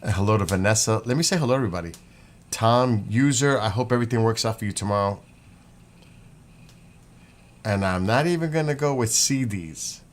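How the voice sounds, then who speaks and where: Low-voiced New York man livestreaming. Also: lively intonation, fairly quick, pauses often. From New York state, United States. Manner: rambling, chatty, breaks off to read names and comments. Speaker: livestream host. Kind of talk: casual livestream chat, greeting commenters. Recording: clear background noise, room ambience.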